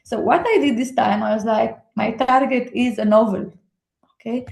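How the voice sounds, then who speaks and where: A young woman from Romania speaking English with a Romanian accent, chatting as a guest in a hesitant, excited way with many fillers. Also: a little high, moderate pace, gravelly. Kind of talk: casual conversation. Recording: echoey room.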